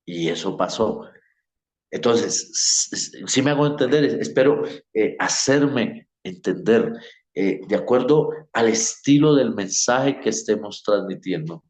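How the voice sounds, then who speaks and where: A man teaching a homiletics class at church, speaking in a conversational way with frequent pauses and fillers. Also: lowish voice, animated, darkish tone, echoey room.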